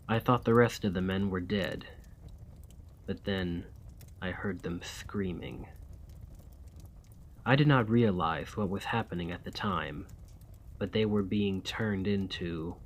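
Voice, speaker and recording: A low-pitched man plays a centuries-old vampire and former soldier in an ASMR roleplay, weary and courtly, his diction formal, measured, and old-fashioned. There's slight background noise.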